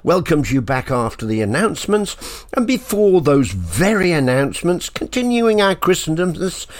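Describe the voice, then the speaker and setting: Lively Birmingham radio presenter, a man. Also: on the high side, unhurried. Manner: chatty, playful, swooping exclamations. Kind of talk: radio show chat.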